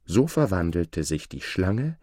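A man narrating a fairy tale audiobook in a slow, expressive storytelling manner. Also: deep voice, no room sound, studio quality.

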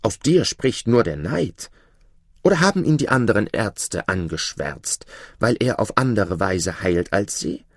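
Storybook king, proud, quick to anger, deep and emphatic, as a man reads him. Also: very animated, dry recording, clean studio sound, heavily acted. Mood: indignant.

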